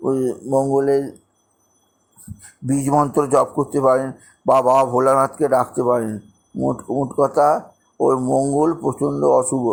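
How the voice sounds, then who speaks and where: A man's voice: mid-range voice, gravelly. A middle-aged man gives a monthly horoscope talk as an astrologer, often repeating words and restarting as he goes. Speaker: astrologer hosting a horoscope channel.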